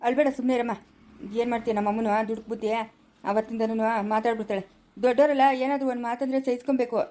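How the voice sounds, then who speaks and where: A woman playing a calm, fast-talking village man. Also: fairly high pitch, natural voice. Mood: soothing. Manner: soothing, reasoning, patient. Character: kind 45-year-old village man, calm peacemaker. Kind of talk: village family short drama.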